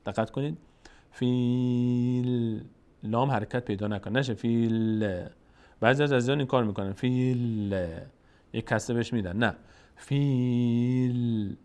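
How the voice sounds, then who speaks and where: Guy teaching quran reading, stretches out the chant then talks fast between. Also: mid-range voice. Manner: alternates drawn-out chanted syllables with quick spoken explanations. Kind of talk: tajweed lesson, spelling out and chanting verses slowly.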